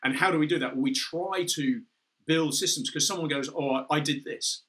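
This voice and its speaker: Brisk and sharp in tone, with a pitch on the high side, a British man in his fifties who used to be a fighter pilot explains things at length as a video-call interview guest. He often restarts and says "you know," seated indoors in a room with a window and red curtains.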